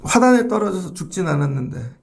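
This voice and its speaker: A man's voice: high voice, very animated, fast talker, gravelly. A middle-aged man preaching a morning sermon as pastor in a church, talking conversationally and speaking to the congregation directly.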